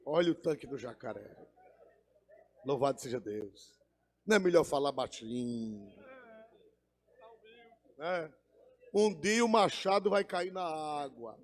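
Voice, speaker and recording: A man's voice: on the high side, lively intonation, takes it slowly, long pauses. A man preaching a fervent sermon, calling out to the congregation. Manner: fervent, call-and-response with the congregation. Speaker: pastor. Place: church. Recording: echoey church hall.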